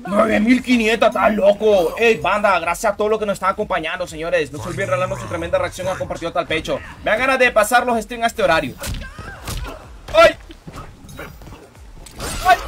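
Man, streamer, slightly high voice, excitable, slangy, fighting-game commentary, game music behind. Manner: excitable, slangy, greets chat by name. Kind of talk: live gameplay commentary.

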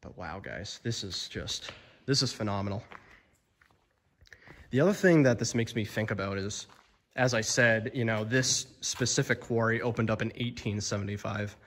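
In the long reverb of an abandoned stone quarry cavern, a young man vlogs his exploration, full of fillers and amazed reactions as he talks to a phone at arm's length. His voice is medium in pitch and a bit bright, and the talk is a casual exploring vlog.

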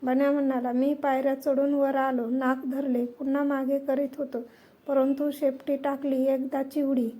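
Female storyteller, high mellow voice, reads aloud in an even, unvarying tone. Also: moderate pace. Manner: steady first-person storybook reading with quoted dialogue.

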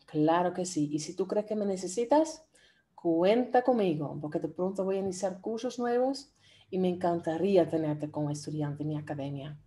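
A woman teaching an online language lesson, lively and playful, with a Dominican Spanish accent. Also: medium pitch. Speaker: Dutch teacher.

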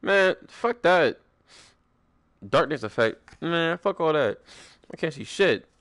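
A young man streaming a game with friends, chatting casually, swearing a lot and breaking into excited shouts. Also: on the high side, slow pace, no echo, studio quality. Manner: excitable, profane, bursts into shouts. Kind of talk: casual gaming commentary.

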